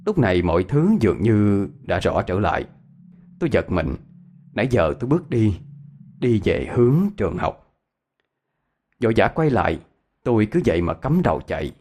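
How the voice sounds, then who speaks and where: A man narrating a ghost story in an expressive, dramatic storytelling voice. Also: lowish voice, moderate pace, pauses often.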